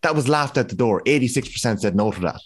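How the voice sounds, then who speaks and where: Irish man, mid-pitched, talking sport. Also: lively intonation, quick pace, husky. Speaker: podcast host. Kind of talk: casual sports discussion.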